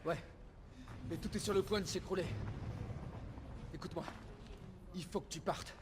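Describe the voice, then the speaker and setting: A man's voice: sits high, fairly even intonation, moderate pace, natural voice. Man acting as young male game hero, urgent, terse, noisy ambient background. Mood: tense, urgent. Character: urgent young male survivor in a collapsing lab. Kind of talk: dubbed video game acting.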